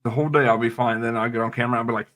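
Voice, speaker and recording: A man's voice: medium pitch, fairly even intonation, rapid-fire, a bit bright. A man with an ordinary mid-range voice co-hosts a casual gaming stream. He teases dryly and rambles with plenty of fillers. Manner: dry, teasing, filler-heavy. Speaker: co-host. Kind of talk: casual livestream chat.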